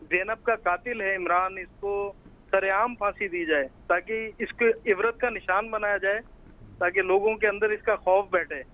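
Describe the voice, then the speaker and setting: A man's voice: high voice, steady tone, unhurried. A male caller on a phone-in show, reciting couplets in a declamatory way and then making an appeal. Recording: tinny phone line.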